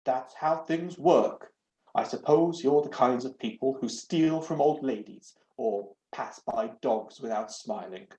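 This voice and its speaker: A man's voice: medium pitch, unhurried, mellow, natural voice. A man voicing a fussy, indignant talking wooden door knob that lectures people on manners. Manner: pompous, scolding, self-righteous. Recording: echoey, dull home recording.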